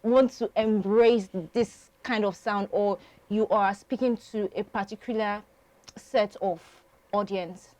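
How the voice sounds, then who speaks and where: A woman's voice: mid-range voice, steady tone, slow pace, darkish tone, low-quality recording. Woman interviewer, nigerian, bubbly and full of praise, asking lots of questions. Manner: chatty and effusive, praising and probing. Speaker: show host interviewer. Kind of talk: entertainment interview.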